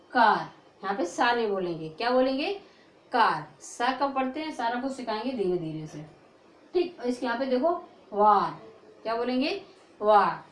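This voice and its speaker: A woman teaching English pronunciation, asking questions again and again and stretching out the words she models. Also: fairly high pitch. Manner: repetitive call-and-response questioning. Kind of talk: pronunciation lesson. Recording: echoey room with faint background noise.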